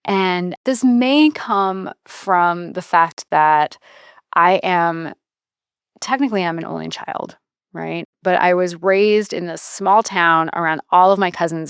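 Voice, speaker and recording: A woman's voice: fairly low pitch, takes it slowly, clean tone, dry recording, studio quality. A woman in her thirties hosting a podcast, talking in a reflective, chatty way that often trails off and restarts. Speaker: podcast host. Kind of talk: casual podcast conversation.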